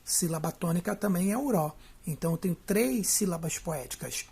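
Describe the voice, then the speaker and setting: Brief: Brazilian Portuguese teacher, gravelly and husky, explains step by step and keeps checking in. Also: medium pitch, animated, moderate pace, darkish tone. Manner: step-by-step, often checks in with the listener. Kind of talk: video lesson on poetry.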